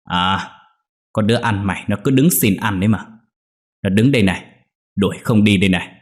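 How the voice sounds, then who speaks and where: A man voicing a harsh, stingy older village man who scolds gruffly. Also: on the low side, a little fast, natural voice. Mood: dismissive.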